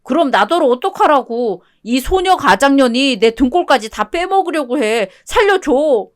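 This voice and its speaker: A woman's voice: sits high, lively intonation, moderate pace. A woman doing a whiny, begging ex-husband. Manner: pleading, clingy, self-pitying. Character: whiny cheating ex-husband, middle-aged man, desperate. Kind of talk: one-voice radio drama reading.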